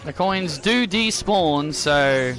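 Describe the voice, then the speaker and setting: A man's voice: a little high, animated, slow, fairly bright tone, faint music behind. A man giving casual video game commentary, often repeating and rephrasing his own phrases. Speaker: gameplay commentator.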